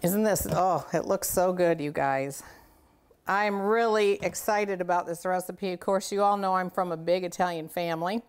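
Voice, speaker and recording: Hosting a casual cooking show from her home kitchen, a middle-aged woman speaks to viewers directly in a warm, chatty, folksy and enthusiastic way. Her smooth voice is on the low side, delivered at a moderate pace.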